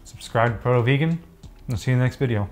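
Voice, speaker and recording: A man casually reviewing and tasting food on camera, chatty and relaxed, sometimes talking with his mouth full. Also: mid-range voice, fast. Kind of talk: casual food taste-test vlog.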